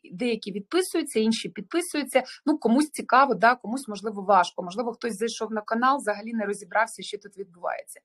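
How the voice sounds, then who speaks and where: A woman's voice: on the high side, husky. A woman from Ukraine teaching French in a live online lesson, switching between French and Ukrainian and repeating each phrase, recorded outdoors on a terrace. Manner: drills sounds by repetition.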